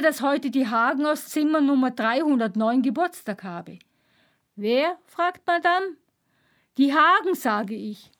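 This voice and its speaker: A woman reading a first-person literary narration in clipped, measured fragments. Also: a little high, gravelly. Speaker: reader.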